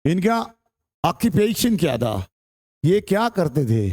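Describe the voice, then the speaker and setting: A man's voice: high-pitched, sing-song, slow, darkish tone. A male English teacher with a Bihari Hindi accent giving a classroom-style lecture, drilling pronunciation by repeating words and checking that students understand. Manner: mixes in English terms, asks students if they understood.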